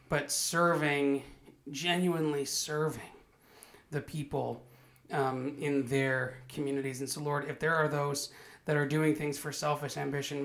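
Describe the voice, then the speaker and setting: A man's voice: a little high, creaky, a bit bright. A man, a pastor hosting a podcast, praying earnestly and then introducing his guest.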